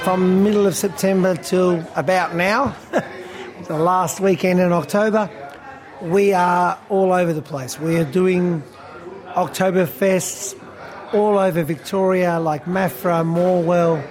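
An Australian man in his fifties, a band musician, speaks in a high-pitched voice with fairly even intonation and an unhurried pace. He chats casually in an interview, rambling with plenty of fillers and laughter, while crowd noise fills a busy beer hall restaurant.

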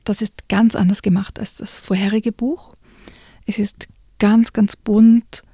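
A woman reading a children's storybook aloud on a radio programme and talking about it, with a soft, partly whispery delivery. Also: medium pitch, level tone, measured pace, husky, no room sound, studio quality. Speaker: book reviewer.

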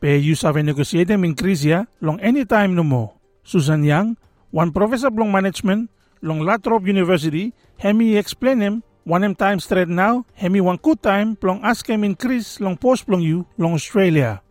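A male presenter with a high-set voice reads a scripted explainer. He speaks Solomon Islands Pidgin in a Solomon Islands accent. Light music plays faintly underneath. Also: normal speed, darkish tone, no echo. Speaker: radio presenter.

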